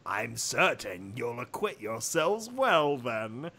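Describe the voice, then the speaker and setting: A woman voicing a sly, suave male trickster creature with grandiose, drawn-out politeness in a story read aloud. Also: a bass voice, very animated, a bit bright, slightly rough, soft background music, voice pushed down, exaggerated voice. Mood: wry, suave. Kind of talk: comic fan fiction read-aloud.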